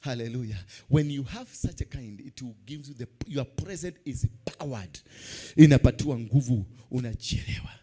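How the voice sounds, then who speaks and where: A man's voice: medium pitch, animated, normal speed, hardly any pauses, a little mellow, husky. Kenyan man preaching in TV preacher style. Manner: emphatic, repeats key phrases, switches between languages. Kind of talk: church sermon in TV preacher manner.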